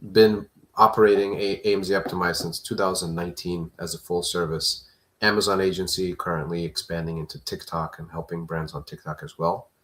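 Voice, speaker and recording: Low-voiced man hosting a live stream. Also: fairly even intonation, brisk, a bit bright. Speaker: host.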